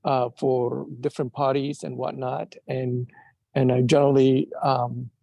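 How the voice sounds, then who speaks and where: A man from Somalia speaking up at a community meeting, earnest and halting with many restarts. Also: mid-range voice, level tone, gravelly, dark tone, no room sound. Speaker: audience member. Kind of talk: casual remarks at a meeting.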